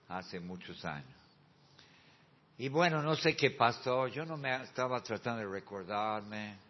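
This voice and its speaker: A male pastor preaching a sermon, moving from quiet, slow asides to shouted, drawn-out climaxes. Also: lowish voice. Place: church hall. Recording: muffled sound with long hall reverb.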